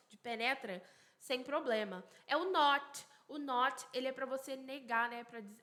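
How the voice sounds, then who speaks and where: A woman, an English teacher, giving a grammar lesson in both languages. She explains step by step, repeats examples slowly and answers questions she asks herself aloud. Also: high voice, bright, forceful tone.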